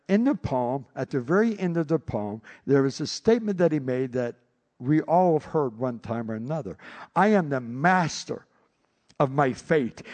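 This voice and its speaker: Preaching a sermon at medium pitch, this male pastor tells stories with lively delivery. He repeats words frequently as he goes.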